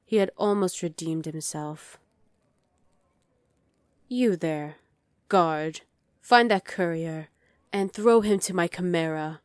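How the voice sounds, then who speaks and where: Slow and pausing often, a fairly low female voice embodies a dominant evil sorceress queen in an ASMR roleplay. She is coolly imperious, commanding and condescending, with a chilly, threatening edge. The audio is studio quality with no echo.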